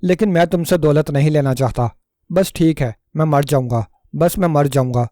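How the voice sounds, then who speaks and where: A man's voice: on the high side, dark tone, no echo, clean studio sound, close to an everyday voice. A man voicing a cunning male trickster who pleads theatrically and plays at dying, in a storybook reading. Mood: sly pleading. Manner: pleading, theatrical self-pity.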